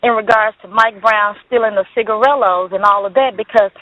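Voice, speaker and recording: A woman's voice: mid-range voice, fairly even intonation, fairly quick, fairly bright tone, dry recording. A woman calling in to a radio talk show, speaking earnestly and emphatically over a crackly phone line that fades in and out. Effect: crackly phone line, fading in and out. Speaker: caller. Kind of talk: call-in radio chat.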